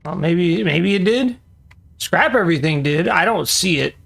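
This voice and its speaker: A man giving casual commentary while playing a game, muttering to himself with frustrated asides and quick self-corrections. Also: high-pitched, lively intonation, creaky, a bit bright, slightly rough. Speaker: gaming video creator.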